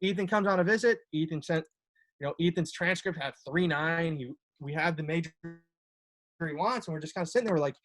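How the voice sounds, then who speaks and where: A man's voice: fairly high pitch, fairly quick, fairly bright tone. A young man, a college lacrosse coach talking casually on a video call, rambling with many fillers and restarts.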